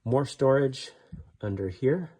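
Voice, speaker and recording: A man casually narrating a walking tour of a house, offhand and relaxed with frequent ums. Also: medium pitch, takes it slowly. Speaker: home tour host. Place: inside a house being toured.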